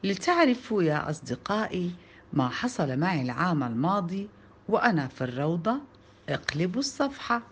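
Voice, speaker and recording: Expressive woman reading a children's book. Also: fairly low pitch, fairly quick, husky. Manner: expressive, lively storytelling. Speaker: storybook reader.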